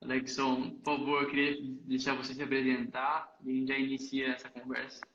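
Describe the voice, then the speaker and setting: A man's voice: mid-range voice, completely flat delivery, a little fast, fairly bright tone, muffled recording, slight background noise. A man hosting a live stream, chatting casually and greeting viewers by name in an upbeat way. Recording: echoey room, far from the mic.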